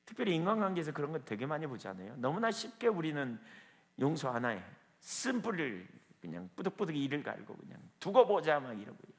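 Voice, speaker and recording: A man's voice: on the high side, very animated, brisk, in a large hall. A man preaching a sermon as pastor at a small evening prayer meeting, emphatic and firing rhetorical questions at the listeners.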